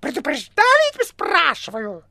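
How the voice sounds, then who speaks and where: A squealing, cat-faced fat bully. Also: male voice, very high-pitched, huge pitch swings, normal speed, vocal fry, pushed and bright, no echo, clean studio sound, heavily acted. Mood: shrieking threats. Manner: piercing, squealing, aggressive. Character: pudgy cat-faced male thug, rude and menacing.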